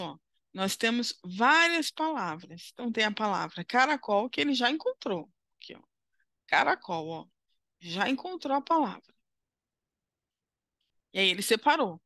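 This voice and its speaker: Clean, dry studio audio captures a woman with a Brazilian Portuguese accent teaching a primary school worksheet lesson. Her medium-pitched voice is bright and forceful, yet she stays patient and encouraging, often checking in with the listener.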